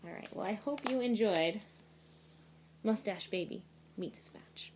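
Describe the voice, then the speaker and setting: A woman teacher reading a picture book aloud to her students, expressive, pausing to explain words. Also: medium pitch, a little hiss or hum.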